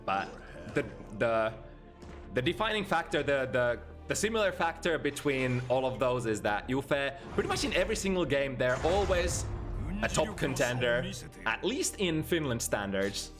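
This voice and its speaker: Guy doing fighting game commentary, lively swinging voice, voice shoots up on big hits, game music going behind. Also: moderate pace. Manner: excitable, voice jumps high at big moments.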